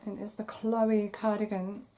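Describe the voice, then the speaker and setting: A woman hosting a crochet podcast, chatting casually to camera with a croaky throat she keeps clearing, apologetic and self-deprecating. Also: mid-range voice, little pitch movement, a little slow, dark tone. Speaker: podcast host.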